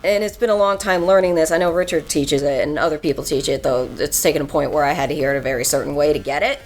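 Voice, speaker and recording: Low-voiced woman voice actor, animated. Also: fast talker, faint music behind. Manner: animated, talks at length with acted-out quotes. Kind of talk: convention interview chat. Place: convention interview room.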